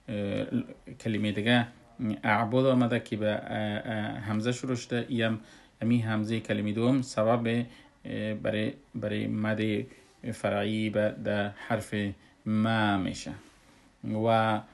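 A man, a Quran recitation teacher who explains a lesson step by step and pauses often on drawn-out "uh" sounds. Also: lowish voice, vocal fry. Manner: unhurried, with frequent drawn-out "uh" pauses.

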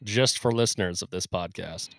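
A man's voice: deep voice, normal speed, a bit bright, no room sound, studio quality. A man co-hosting a podcast, talking casually with lots of fillers and laughs. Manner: laughs often, rambling with fillers. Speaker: podcast co-host. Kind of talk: casual chat.

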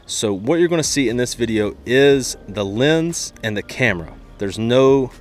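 A man's voice: medium pitch, expressive, moderate pace. An American man in his thirties giving a casual camera gear review to camera, outdoors on a small wireless mic with wind noise. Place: outdoors in a yard. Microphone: handheld small furry wireless mic held at chest.

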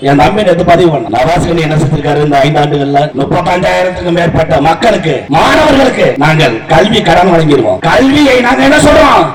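A man with a Tamil Nadu accent delivers a fiery political rally speech in a very high, strained-up pitch. He is combative and impassioned, often shouting and hammering phrases by repetition. The sound is heavily echoing, with a loud crowd around him. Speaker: political party organiser speaking at a rally. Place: public meeting in a town. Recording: echoey distant PA with loud crowd noise.

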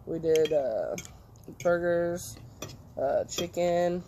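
A woman's voice: on the low side, animated, very slow, dark tone, slight background noise. A woman chatting over a meal outdoors, talking about cooking and laughing often. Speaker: home cook guest. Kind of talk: casual chat.

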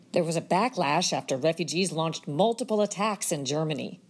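A woman reporter narrating a news report in a measured, matter-of-fact way. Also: fairly low pitch.

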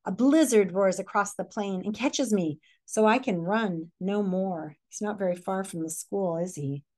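With a mid-range, slightly mellow voice, a middle-aged American woman presents a picture book read-aloud from her living room, reading expressively and breaking off to pose questions to children like a teacher.

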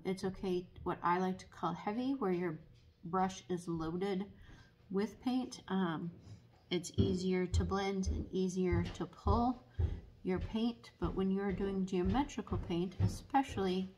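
A woman teaching barn quilt painting at a table in a casual, unhurried tutorial full of ums. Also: on the low side, darkish tone, slight background noise. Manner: unhurried, many ums, explanatory. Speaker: painting instructor and paint retailer.

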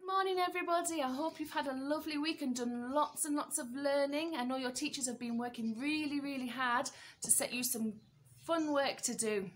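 A woman teacher reading a picture book aloud to young children, expressive and asking them questions. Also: high-pitched, normal speed, slight background noise.

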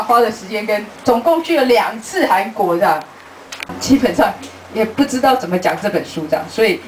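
A middle-aged woman, speaking as a travel author at a live book talk. She is a lively storyteller who acts out conversations and laughs often. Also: medium pitch. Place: bookstore event room. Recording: roomy, distant, faint hiss.

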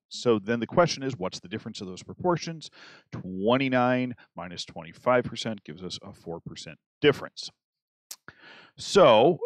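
A man's voice: mid-range voice, dry recording. A man teaching a statistics lesson in a conversational way, often restarting sentences and checking in with "okay?". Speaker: math teacher.

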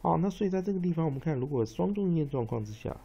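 A man with a Taiwanese Mandarin accent teaching English phonics, who drills syllables slowly and repeats each word many times. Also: a little high, animated, gravelly, mellow, breathy edge. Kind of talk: phonics lesson. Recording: dull lo-fi recording.

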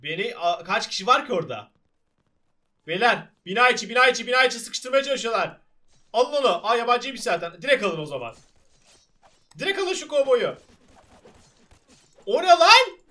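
Excitable young male streamer, high-pitched, bright and animated. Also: a little fast, pauses often. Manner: excitable, shouting, laughing. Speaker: gaming channel host. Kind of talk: excited gameplay commentary.

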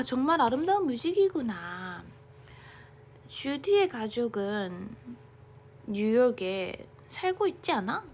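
A young woman teaching English grammar in a casual online lecture, chatting informally and reading example sentences slowly, now and then dropping to a near-whisper. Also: on the high side, creaky, darkish tone, slight background noise.

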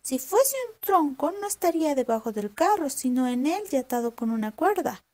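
A shrill, sing-song fox from a storybook, as a woman reader puts her on, scheming and greedy. Her voice jumps high and sharp, yet keeps a mellow, warm tone underneath. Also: sing-song, moderate pace. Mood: sly.

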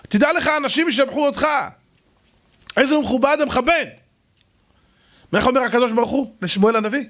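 A man, a rabbi, giving a sermon with animated storytelling and speaking directly to his listeners. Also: very high-pitched, long pauses.

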